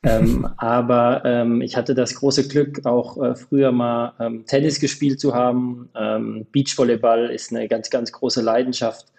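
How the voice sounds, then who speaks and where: A man in his thirties with a mellow, relaxed voice at a middling pitch. He chats casually as a podcast guest, searching for words with many hesitations. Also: measured pace, creaky, hardly any pauses. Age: 30s. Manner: hesitant, filler-heavy. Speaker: podcast guest, football referee. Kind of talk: casual interview chat.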